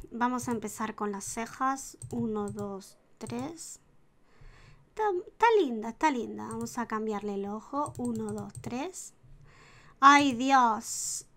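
Bright-voiced Spanish woman chatting over gameplay. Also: fairly high pitch. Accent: Spanish (Spain), sliding into a put-on Argentine. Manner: chatty, counting rolls aloud, dropping to whispers. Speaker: gaming YouTuber. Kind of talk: casual Sims gameplay commentary.

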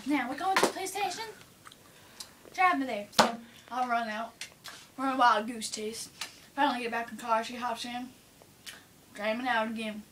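A woman's voice: sits high, close to an everyday voice. A young woman playing a rowdy, drunk party animal who rambles and swears indignantly in an improvised comedy mock interview. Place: small wood-panelled room indoors. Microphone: phone held across a table. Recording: noisy, distant phone-camera room recording.

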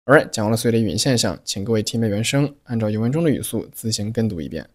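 A man teaching English pronunciation, patiently explaining each sound and repeating example words slowly. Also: lowish voice, expressive.

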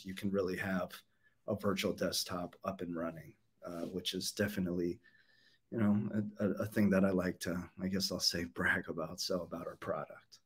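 A young man with a somewhat low voice presents a conference keynote from his room over a webcam. He talks casually, leaning on fillers and restarting his sentences often. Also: husky. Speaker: company CEO giving a keynote. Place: home or office room. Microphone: webcam video call.

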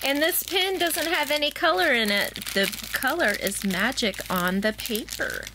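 A woman in her thirties chatting casually while filming herself in her kitchen, thinking out loud as she goes. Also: sits high, a little slow, background noise. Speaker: family vlogger. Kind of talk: casual vlog chat. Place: home kitchen. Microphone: handheld camera at arm's length.

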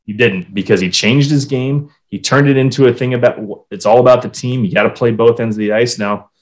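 A man's voice: mid-range voice, a little fast. A man co-hosting a podcast, talking casually and animatedly, with swearing. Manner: animated, swearing, reading quotes aloud. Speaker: podcast co-host. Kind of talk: casual hockey podcast chat.

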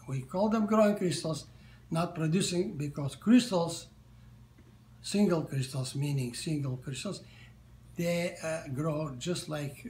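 A man in his seventies with a Bulgarian accent, whose first language is Bulgarian, answers interview questions in a halting way, with many fillers and restarts, from a living room sofa. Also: fairly high pitch, darkish tone, a little hiss or hum. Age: 70s. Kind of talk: casual interview. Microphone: camera at medium distance. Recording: echoey room.

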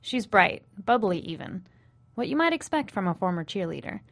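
Gravelly-voiced woman news reporter. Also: medium pitch, very animated, a bit bright. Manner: measured storytelling delivery. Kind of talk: scripted news narration.

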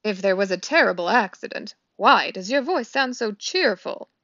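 A woman voicing an old gray goose, female, brisk, blunt and suspicious, squawking as she scolds and advises. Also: medium pitch, lively intonation, sharp tone, no room sound, lo-fi sound. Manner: scolding, blunt, practical advice-giving.

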